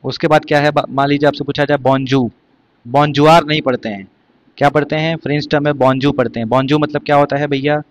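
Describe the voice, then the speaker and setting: A man's voice: a little high, little pitch movement, fast, hardly any pauses, no room sound. A man teaching an exam vocabulary lesson, explaining words one by one and quizzing his students.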